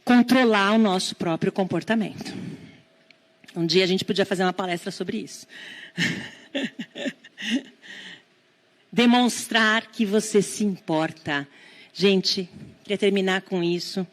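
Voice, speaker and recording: A middle-aged Brazilian woman giving a live lecture on parenting, lively and drawing the audience in with questions. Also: medium pitch. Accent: Brazilian Portuguese. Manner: lively, engages the audience with questions and quick asides.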